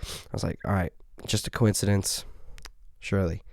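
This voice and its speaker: Young male podcast host, lowish voice, dry close sound, heartfelt casual testimony. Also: steady tone, moderate pace, gravelly, no echo. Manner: earnest, conversational, frequent "right?" tags and soft laughs. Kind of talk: faith podcast testimony and encouragement.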